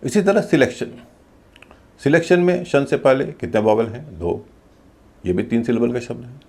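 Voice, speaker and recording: A man's voice: mid-range voice, normal speed, creaky, darkish tone. A man teaching English pronunciation, explaining rules and stressing example words. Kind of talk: explaining a lesson to camera.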